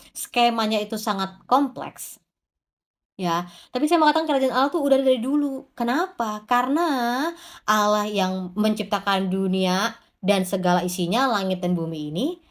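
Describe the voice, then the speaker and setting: A woman giving an informal devotional sermon, talking straight to the congregation and answering her own rhetorical questions. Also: a little high. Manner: addresses the congregation directly. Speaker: preacher.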